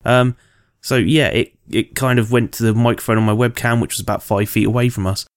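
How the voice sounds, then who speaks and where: A man's voice: medium pitch, steady tone, a little fast, no echo, clean studio sound. A man hosting a podcast, giving a casual, informal introduction in an apologetic way. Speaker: podcast host. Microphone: close studio USB microphone.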